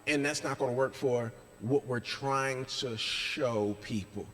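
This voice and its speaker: A man, a pastor, preaching a sermon with emphatic delivery that swings between loud stretches and hushed ones. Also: medium pitch, takes it slowly. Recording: echoey church hall.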